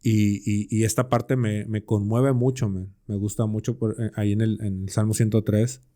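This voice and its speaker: A man's voice: lowish voice, flat delivery, normal speed, mellow. A man co-hosting a podcast, chatting through a Bible passage with slangy everyday examples and rhetorical questions. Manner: slangy, conversational. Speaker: podcast co-host. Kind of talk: casual Bible study chat.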